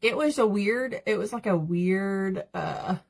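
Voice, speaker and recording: A woman's voice: mid-range voice, animated, slow, vocal fry, a little mellow. A woman hosts a makeup livestream. She talks in a loose, rambling way, full of "like" and small laughs, and answers viewers between steps. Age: 30s. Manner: chatty, rambling, laughs often, reads out viewer comments. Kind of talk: casual livestream chat while doing makeup.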